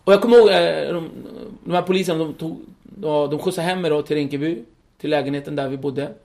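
Lively gravelly-voiced man telling stories. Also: a little high. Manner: lively, acts out voices, laughs often. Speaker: podcast guest. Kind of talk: animated storytelling.

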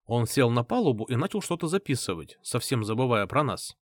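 Animated male audiobook narrator. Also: a little fast, no room sound, clean studio sound. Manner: lively, voices each character with shifts in pitch. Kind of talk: scripted audiobook narration with voiced characters.

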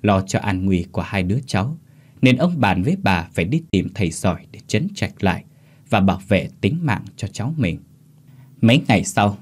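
Brief: male storyteller, low, husky, animated pitch, steady scripted narration.

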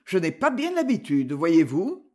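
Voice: mid-range voice, wildly swooping pitch, measured pace, dark tone. A reader voicing a shy, well-bred young man who answers politely and stammers. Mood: nervous.

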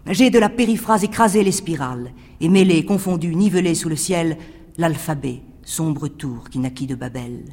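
A man giving a theatrical recitation of verse, declamatory, swinging from hushed whispers to ringing cries. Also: fairly high pitch, normal speed, in a large hall.

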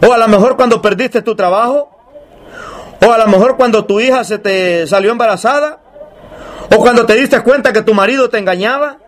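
The preacher in this clip speaks at an extremely high pitch. He repeats points emphatically, asks rhetorical questions, and slows down to read scripture aloud.

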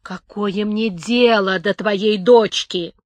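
A woman's voice: mid-range voice, slow, no room sound, lightly acted. A woman voicing a harassed, grumpy steamboat captain who sighs and snaps in exasperation in an audiobook. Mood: exasperated. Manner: exasperated, sighing.

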